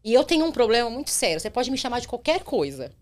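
A young adult woman, a rideshare driver telling a story on a podcast in an animated way. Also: a little high, fast talker, noisy background. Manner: animated, acts out quotes in her telling.

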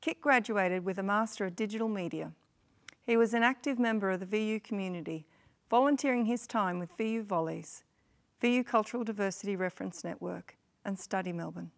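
Middle-aged woman, ceremony presenter, measured formal read, mid-range voice. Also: medium pitch, gravelly. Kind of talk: formal scripted introduction. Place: studio with virtual backdrop.

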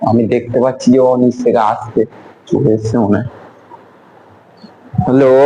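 A man's voice: medium pitch, warm tone. A man at home staging a pretend phone call for a prank video, chatty and teasing, repeating himself and chuckling as he talks. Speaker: prank vlogger. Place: at home indoors.

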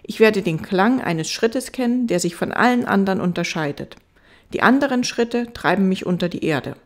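A woman voicing a gentle, wise fox in an audiobook, earnest and patient as it explains. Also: medium pitch, animated, normal speed, pitched above the performer's own voice, natural voice.

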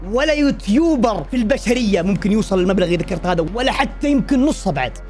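Saudi male YouTuber, 20s, very fast and lively, reaction banter. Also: faint music behind. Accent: Saudi Arabic. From Saudi Arabia. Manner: excitable, jokey, swings between high and low tones. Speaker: YouTuber reacting to videos about himself. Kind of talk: casual reaction commentary.

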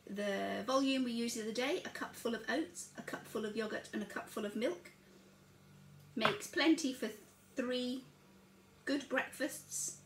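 A slightly high, fairly bright voice speaks unhurriedly over a little hiss or hum. An older woman gives a casual breakfast cooking demonstration in her home kitchen, chattily describing each step as she works, with the camera across the counter and clattering dishes echoing around her.

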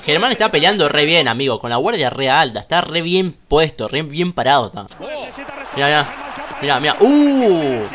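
A young man from Argentina with a Rioplatense accent, chatting excitably through a casual reaction commentary. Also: a little high, a little fast. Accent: Rioplatense Argentine Spanish. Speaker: reaction content creator.

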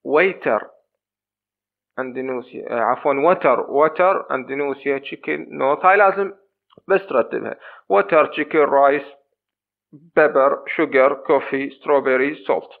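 A man with an Iraqi Arabic accent teaching a recorded English lesson, reading English slowly and explaining quickly in Arabic. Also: medium pitch, creaky. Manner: switches between slow, drawn-out English and quick Arabic explanation. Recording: tinny phone-like audio.

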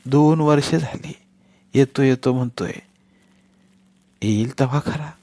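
A man's voice: medium pitch, unhurried, mellow, no room sound, voice pushed up, lightly acted. A man voicing a blunt, short-tempered working woman who scolds and grumbles. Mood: grumbling.

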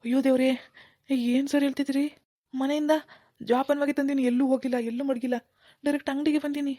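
Cartoon: woman doing a panicked villager, pleading, quick, dark tone. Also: sits high, level tone, no echo, studio quality, close to an everyday voice. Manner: pleading, bewildered, keeps begging "sir". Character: anxious village man pawning his gold. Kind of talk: animated cartoon dialogue.

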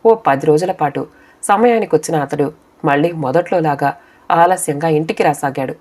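A woman narrates a scripted short story for an audiobook. Her voice sits low for a woman. She keeps a steady storytelling pace throughout. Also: moderate pace.

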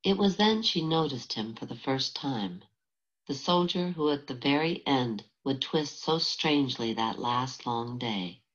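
Low-voiced woman reading a novel aloud. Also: lo-fi sound. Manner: steady, measured literary reading. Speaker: audiobook narrator. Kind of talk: scripted narration.

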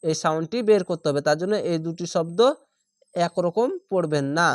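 A man's voice: a little high, normal speed, darkish tone, no echo, studio quality. A man teaching Quran reading, who spells out each letter and syllable, repeats the sounds and stretches the vowels before joining them into words. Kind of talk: step-by-step recitation lesson.

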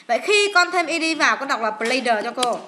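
A Vietnamese-accented woman teaches in a high, bright voice, firing questions at her students and answering them herself. Her coaxing classroom manner stays lively throughout. Faint noise sits behind her. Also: quick pace. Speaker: English teacher. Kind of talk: classroom-style lesson explaining an exam.

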